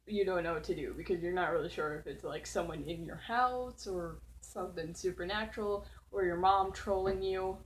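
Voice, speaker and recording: A woman's voice: on the low side, low-quality recording. Giggly teen girl rambling a spooky story. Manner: rambling, full of "like" fillers, giggly. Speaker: channel host. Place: at home. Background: faint background noise.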